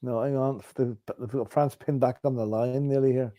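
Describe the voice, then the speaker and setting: Male co-host, mellow tone, plain play-by-play, dry sound. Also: medium pitch, fairly even intonation, moderate pace, dry recording. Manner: matter-of-fact play-by-play. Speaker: stream co-host. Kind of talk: casual live match commentary.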